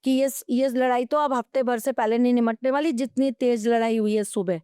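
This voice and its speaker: A woman's voice: fairly high pitch, a little fast, clean tone, dry recording, studio quality. A woman astrologer, the guest on a podcast interview, giving earnest advice and telling stories from her own life. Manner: animated storytelling, anecdotes from her own life; advising, earnest.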